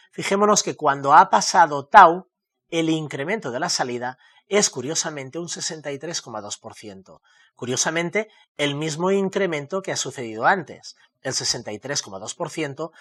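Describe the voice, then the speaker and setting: A man's voice: fairly high pitch, fairly bright tone. A man from Spain, a university lecturer, explaining over slides in a recorded lesson with emphatic, explanatory delivery. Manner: explanatory, emphatic on key words.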